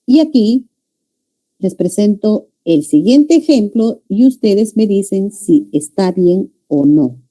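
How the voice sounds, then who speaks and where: A middle-aged woman with a Peruvian Spanish accent, giving an animated classroom lecture and addressing her students often and with emphasis. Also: medium pitch, slow pace. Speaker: teacher.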